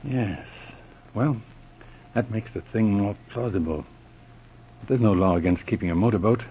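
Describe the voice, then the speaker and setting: An actor playing a cool, shrewd police inspector with clipped commands in a 1940s radio adventure serial. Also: male voice, lowish voice, normal speed, slight background noise, lightly acted. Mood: cautious, businesslike. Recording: muffled old radio recording.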